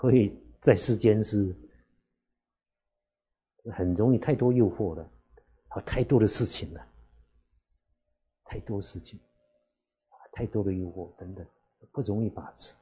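A man, a Buddhist monk, giving an unhurried dharma talk to lay listeners, often asking rhetorical questions. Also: on the low side, warm tone, husky.

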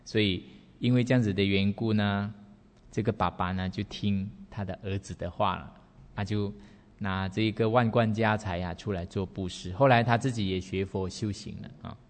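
A man tells a Buddhist teaching story at a relaxed, unhurried pace. He trails his phrases with soft particles. His voice sits low, and a long hall reverb hangs behind it. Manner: relaxed, unhurried, with many sentence-final particles. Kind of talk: storytelling dharma talk.

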